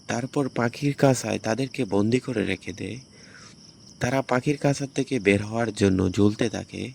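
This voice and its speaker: A man's voice: on the low side, normal speed, creaky, a little mellow, a little hiss or hum. A man narrates the story of a film as a movie recap.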